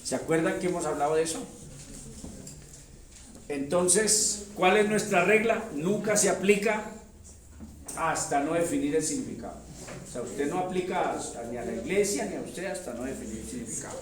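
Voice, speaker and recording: A man with a slightly high voice teaches a Bible seminar like a chat, checking in with rhetorical questions and calling his listeners by pet names. He sounds distant from the mic, in a hall with heavy echo and a faint hiss. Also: expressive, normal speed. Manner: affectionate toward listeners. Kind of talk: classroom-style Bible teaching. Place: church hall. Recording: very echoey hall, voice from far off.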